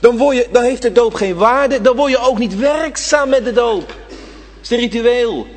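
Husky preacher in echoing church. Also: male voice, very high voice, normal speed. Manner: dramatic swings between loud and hushed; addresses the congregation directly. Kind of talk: sermon. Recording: reverberant church hall.

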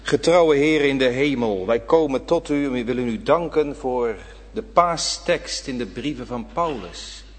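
A middle-aged pastor preaching a sermon, swinging between soft talk and loud, drawn-out emphasis. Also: male voice, medium pitch, big-room sound. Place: church hall.

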